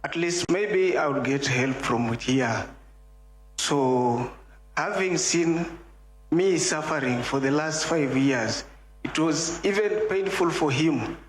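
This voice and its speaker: A man slowly giving a church testimony to the congregation, deliberate and growing joyful. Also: fairly high pitch, expressive. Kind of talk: slow spoken testimony to a congregation. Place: large echoing church hall. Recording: echoey church hall with crowd noise.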